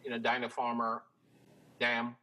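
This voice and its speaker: A man's voice: mid-range voice, measured pace, rough recording. A man from Jamaica who grew up in New York, talking horse-race picks casually with many hesitations. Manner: relaxed, hesitant with many ums. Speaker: guest handicapper. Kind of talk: casual conversation.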